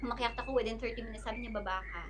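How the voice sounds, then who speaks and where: A woman's voice: fairly high pitch, very fast, slight background noise. A woman from the Philippines, a podcast guest, telling a personal story in casual chat and acting out other people's words. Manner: animated, acts out other people's words in quotes.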